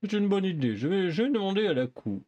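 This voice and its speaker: Streamer: male gamer, chatty, jokey, mock-pompous, animated delivery. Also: high-pitched, quick pace, highs cut off. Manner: jokey, mock-pompous, often talking to the game characters. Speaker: streamer playing a game. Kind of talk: live gameplay commentary.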